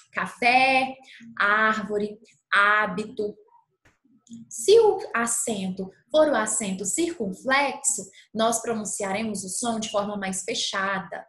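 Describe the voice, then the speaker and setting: A woman teacher giving a lesson, drawing out example words and checking in with her pupils. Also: fairly high pitch. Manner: slow, didactic, stretches out example words, frequent "tá bom?" check-ins. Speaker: schoolteacher. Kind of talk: recorded classroom lesson. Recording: echoey room.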